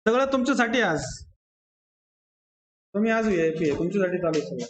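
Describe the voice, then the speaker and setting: In an echoey classroom, a Marathi-accented man teaches accountancy, repeating the rules over and over and calling on students by name to quiz them. He speaks in a high, very animated voice at a fairly quick pace.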